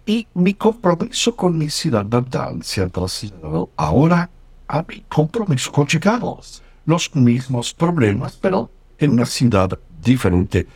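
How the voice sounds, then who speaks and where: A man voicing an interview guest in translation, explaining in an earnest, lively way. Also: medium pitch, husky, dry recording. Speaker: interview guest, Spanish voice-over.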